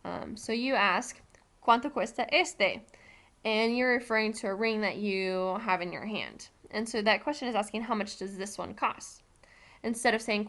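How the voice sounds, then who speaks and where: A woman's voice: mid-range voice, a bit bright. An American woman Spanish teacher giving a recorded classroom lesson, explaining patiently step by step with frequent ums.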